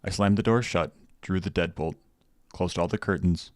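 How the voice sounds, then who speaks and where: A man narrating a scripted horror story in a measured, steady way. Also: deep voice, dry recording.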